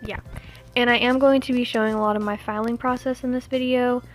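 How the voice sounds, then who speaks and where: Young Southern woman, a bit high-pitched, chatty self-mocking tutorial voice-over over quiet music. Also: steady tone, fairly quick. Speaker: nail tutorial creator. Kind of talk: casual voice-over narration.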